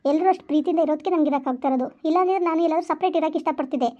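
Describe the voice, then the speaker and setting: A woman playing a soft, coaxing mother. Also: high voice, racing, lo-fi sound, natural voice. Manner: soothing, coaxing, lecturing softly. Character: gentle coaxing mother, patient and soothing. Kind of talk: family skit acting.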